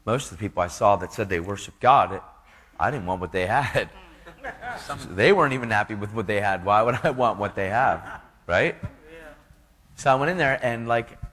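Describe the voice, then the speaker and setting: A man's voice: on the low side, a bit bright. A man giving an earnest, casual testimony in a preaching style, full of slang.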